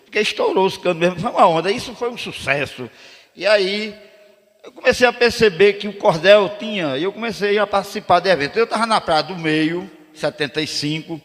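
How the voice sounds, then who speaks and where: An older man from northeastern Brazil with a northeastern Brazilian accent, telling stories on stage and slowing down to declaim his rhymed verses. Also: fairly high pitch, big-room sound. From Rio Grande do Norte, Brazil. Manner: animated storyteller, switches into slow declaiming for recited verses. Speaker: poet and performer. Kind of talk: stand-up storytelling with recited verse. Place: cultural center stage.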